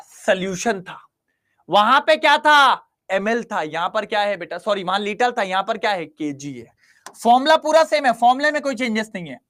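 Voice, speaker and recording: High-voiced man teaching chemistry. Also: pushed and bright. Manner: coaxing, keeps quizzing students. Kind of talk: online class lecture.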